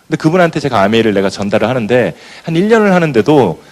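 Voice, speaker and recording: Man, motivational speech, lively swooping pitch, animated storytelling, acts out scenes. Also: racing. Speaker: business leader giving a motivational talk.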